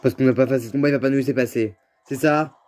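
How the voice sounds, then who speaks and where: A man's voice: mid-range voice, fairly even intonation, fast talker, a little mellow. A man giving casual, slangy gameplay commentary as a let's player, often grumbling in exasperation. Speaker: video game let's player. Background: faint game music.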